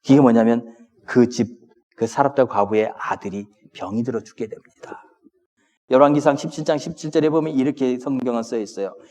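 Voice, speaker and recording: A man preaching a sermon as senior pastor, with expressive delivery that rises to impassioned pleading when he voices prayers. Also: medium pitch, brisk. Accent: Korean. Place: church sanctuary. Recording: long church-hall reverb.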